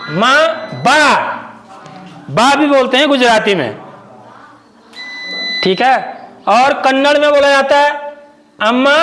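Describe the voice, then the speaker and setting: A male school teacher in a classroom, teaching children and quizzing the class, repeating each word slowly. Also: very high-pitched, fairly bright tone, poor audio. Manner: asks the class questions and repeats words slowly.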